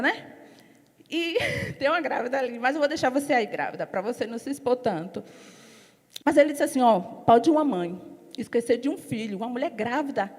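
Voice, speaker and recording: Recorded with long reverb in a church hall, a high-pitched woman gives her testimony at a service. She tells her story in a lively way, acting out other people's lines as quotes, and grows loud and emphatic as she begins to preach.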